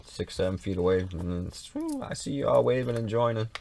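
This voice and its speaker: A man's voice: on the low side, a little fast, vocal fry, dark tone, slight background noise. A man co-hosting a casual livestream, chatting in a rambling, repetitive way with plenty of swearing. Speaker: livestream co-host.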